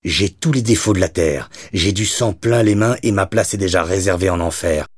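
A man's voice: low-pitched, moderate pace, slightly rough, dry recording, clean studio sound. A man voicing a wry, controlled male crime boss in an audiobook. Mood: menacing.

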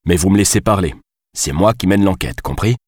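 A man's voice: deep voice, animated, a little fast, husky, no echo, clean studio sound. A male narrator voicing a commanding investigator in a hurry. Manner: firm, commanding.

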